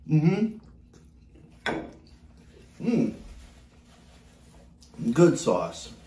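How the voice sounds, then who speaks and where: Slow, hesitant man talking through a mouthful of food in an echoey room, casual review. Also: fairly high pitch, huge pitch swings, dark tone. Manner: rambling, hesitant, thinks aloud. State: mouth full.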